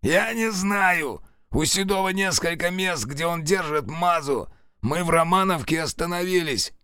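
A man's voice: fairly high pitch, expressive, unhurried, pushed and bright, clear, resonant tone, no room sound, clean studio sound, pitched above the performer's own voice, heavily acted. A man voicing a wounded, foul-mouthed middle-aged ex-convict who snaps defiantly at his captors. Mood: sullen. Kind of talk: audiobook character voice.

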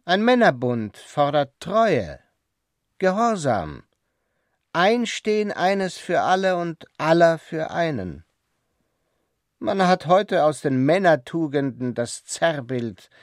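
A man's voice: medium pitch, no room sound, clean studio sound, exaggerated voice. A man playing a self-styled prophet, a solemn lecturer who preaches male brotherhood, in a radio play. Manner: slow, grave and preaching.

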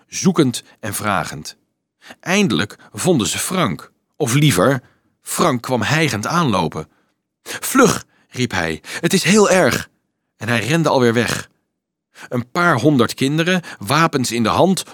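A man narrating an audiobook in an expressive storytelling manner. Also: medium pitch, dry recording, clean studio sound.

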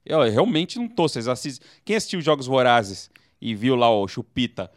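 A man from Brazil co-hosting a casual late-night chat show, telling animated stories and bursting into movie-style screams. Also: medium pitch, normal speed, no room sound, studio quality. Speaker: podcast co-host.

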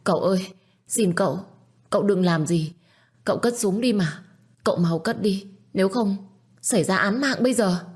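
A woman's voice: lowish voice, brisk, darkish tone, husky. A woman voicing a timid young village woman who pleads and begs. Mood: pleading. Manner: pleading, tearful begging.

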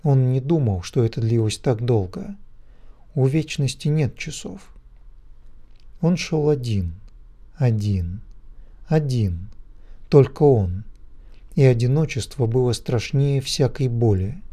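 Slow, mellow male fantasy narrator. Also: medium pitch, lively intonation. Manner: measured, rhythmic storytelling. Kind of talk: dramatic fantasy audiobook narration.

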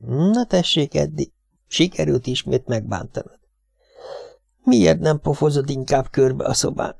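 A man voicing an anxious, whining middle-aged wife in an audiobook, with a tearful, pleading, high voice. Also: gravelly, darkish tone, no echo, clean studio sound. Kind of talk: audiobook character voice.

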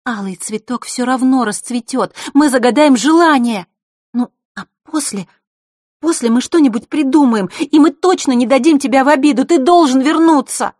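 Storybook figure: a high, shouting, hot-tempered young girl, as a woman reader puts her on. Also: normal speed, dry recording, clean studio sound. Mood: fervent. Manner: shrill and indignant.

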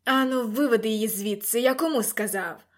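A woman's voice: fairly high pitch, steady tone, takes it slowly, fairly bright tone. A woman reading an audiobook and voicing a cold, menacing male aristocrat swordsman who speaks curtly and commands. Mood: cold menace. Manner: curt, icy, commanding.

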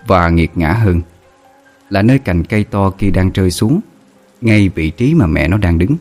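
A man's voice: low-pitched, animated, moderate pace, darkish tone, faint music behind. Emotive male storyteller. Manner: emotive, dramatic. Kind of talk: scripted narration of a ghost story.

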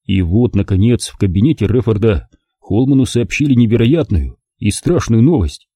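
A male audiobook narrator tells a tense scene in a measured, expressive way. His voice is low, very dark and husky, with lively pitch movement. The recording is bone-dry and close to the microphone. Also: dry recording. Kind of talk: scripted narration.

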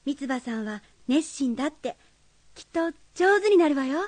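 An actress playing a well-bred young woman who speaks gently and politely. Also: high voice, animated, moderate pace. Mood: gentle. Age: young adult. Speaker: university student. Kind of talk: film drama acting.

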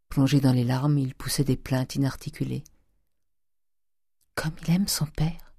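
An audiobook narrator reading a classic novel in a measured, expressive way. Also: mid-range voice, dry recording, clean studio sound. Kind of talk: scripted literary narration.

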